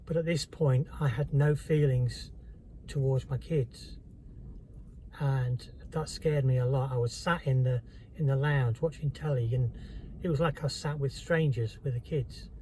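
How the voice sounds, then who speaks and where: A man telling a personal story to camera in a halting, candid, reflective way. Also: medium pitch, fairly even intonation, mellow, a little hiss or hum, poor audio. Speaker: vlogger.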